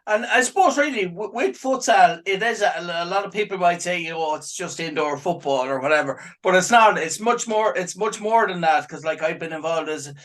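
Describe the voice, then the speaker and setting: A man's voice: high-pitched, normal speed, few pauses, fairly bright tone. A man hosting a sports radio show, asking questions in a rambling, stumbling way. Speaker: sports radio host and physio. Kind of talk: radio interview.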